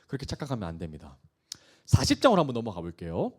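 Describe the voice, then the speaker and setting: Animated pastor man preaching. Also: medium pitch, rapid-fire. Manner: animated, asks the congregation and answers himself; reads scripture aloud with rising force. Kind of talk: sermon.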